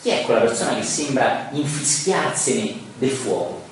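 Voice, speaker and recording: A man lecturing in a big, very echoey room, caught from well back with faint hiss behind him. He is enthusiastic, leans on asides to the audience, and slows down to declaim verses with weight. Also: mid-range voice, expressive, recorded from a distance. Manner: enthusiastic, rhetorical asides, reads verses slowly and emphatically. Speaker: lecturer on Dante. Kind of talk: live lecture with readings. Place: lecture room, recorded from afar.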